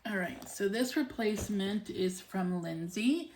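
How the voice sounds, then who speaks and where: Female vlog host, mid-pitched, leisurely pace, casual task narration with counting to herself, slightly noisy home recording. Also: a little mellow. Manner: unhurried, murmuring counts to herself. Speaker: budgeting channel host. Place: at home, indoors.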